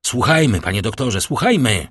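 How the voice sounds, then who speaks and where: A man's voice: fairly low pitch, moderate pace, slightly rough, dry recording. Desperate young man in an audiobook, urgent and anxious, read by a man, slightly raised voice, dry booth sound. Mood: pleading.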